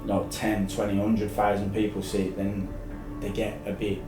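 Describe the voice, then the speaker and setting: An English-accented man in his thirties, a podcast guest and live-streamer, rambles through anecdotes in an informal, matey way during an interview. His voice is lowish and completely flat at a moderate pace, and the sound is roomy and distant with music behind.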